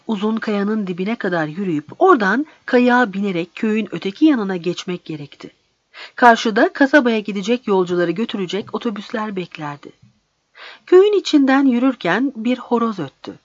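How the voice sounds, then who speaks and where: A woman narrating a story in a slow, measured reading. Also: mid-range voice, no room sound. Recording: dry, slightly dull recording.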